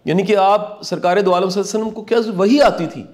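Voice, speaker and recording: Earnest man preaching lessons, higher voice. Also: darkish tone. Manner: earnest, preacherly, repeats key lines for emphasis. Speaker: motivational speaker. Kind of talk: reflective commentary talk.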